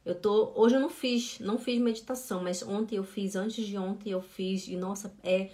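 A woman teaching German in a casual live stream, chatty, greeting viewers by name and drilling sounds slowly. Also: mid-range voice, steady tone, warm tone. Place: home room with lights.

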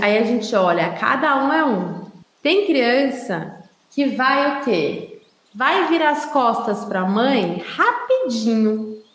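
A woman's voice: mid-range voice, gravelly. A woman with a Brazilian Portuguese accent giving casual, chatty advice to parents, often checking in with her listeners. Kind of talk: casual explanatory advice talk. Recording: roomy echo.

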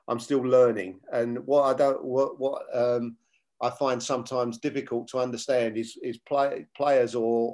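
An older man with a middle-pitched, slightly mellow voice appears as an interview guest, a former footballer and coach. He looks back on his playing and coaching days in a measured, unhurried way, with many fillers and restarts, and retells old conversations along the way.

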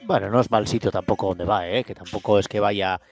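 A man with a Spain Spanish accent, hosting a podcast with quick, joking banter. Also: fairly low pitch, soft background music. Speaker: podcast host. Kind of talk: casual chat.

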